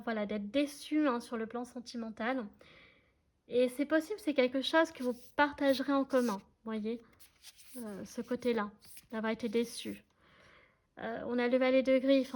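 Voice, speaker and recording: A woman giving a casual tarot reading to her viewers, chatty and hesitant, often checking that they follow her. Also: on the high side. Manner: chatty, hesitant, many fillers, addresses viewers directly. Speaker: tarot card reader.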